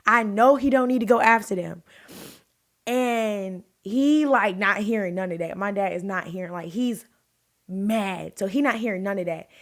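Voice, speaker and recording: A woman's voice: medium pitch, moderate pace. A young woman, telling a story casually on her vlog, full of fillers and acting out the voices in her story. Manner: animated, many fillers, acts out quotes in a raised voice. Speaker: vlogger.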